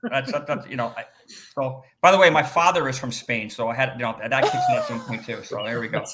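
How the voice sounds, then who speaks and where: A man's voice: medium pitch, wildly swooping pitch, fast, very noisy. A man from Canada with a Canadian accent, a sports researcher chatting enthusiastically on a betting panel. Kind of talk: casual panel chat.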